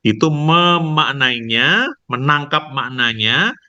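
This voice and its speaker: A male university lecturer giving an online lecture, explaining slowly and tagging nearly every phrase with a questioning "ya". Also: medium pitch, expressive, pushed and bright. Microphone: video call. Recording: dull lo-fi online call audio.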